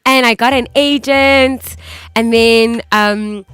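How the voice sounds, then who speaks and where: A woman's voice: a little high, fairly even intonation, takes it slowly, a bit bright, clean tone, dry recording, soft background music. A young woman from South Africa, a guest actor, chatting casually in an interview with lots of likes and you knows. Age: young adult.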